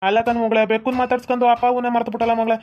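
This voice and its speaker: A woman with a North Karnataka Kannada accent voicing a cartoon parent, talking in a flat, hurried way. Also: on the high side, lo-fi sound, a little hiss or hum. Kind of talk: cartoon voice acting.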